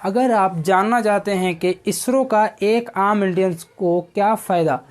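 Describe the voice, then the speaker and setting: A woman teaching English vocabulary, explaining each word patiently and reading example sentences slowly and deliberately. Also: mid-range voice, a little mellow. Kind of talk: slow instructional vocabulary lesson.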